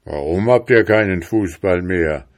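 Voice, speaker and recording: A man voicing a grumpy, quick-tempered male bear father in a storybook reading, shouting and indignant. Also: sits low. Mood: angry shouting.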